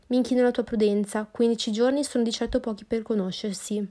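A woman's voice: fairly high pitch, steady tone, quick pace, mellow, close to an everyday voice. A woman narrator voicing a dry, teasing father with an ironic manner in an audiobook. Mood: wry. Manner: ironic, mocking. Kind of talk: audiobook character voice.

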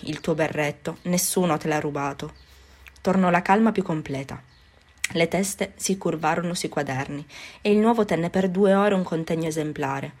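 A woman reads a classic novel aloud at an unhurried, measured pace. Her voice sits on the low side for a woman, and she shapes each sentence with expressive care. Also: husky. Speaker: audiobook narrator. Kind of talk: scripted narration of a novel.

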